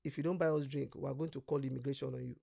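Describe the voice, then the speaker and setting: Man with a gravelly voice. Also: medium pitch, rapid-fire. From Nigeria. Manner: animated storyteller who acts out quoted voices and swears freely. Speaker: guest. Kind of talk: casual conversation.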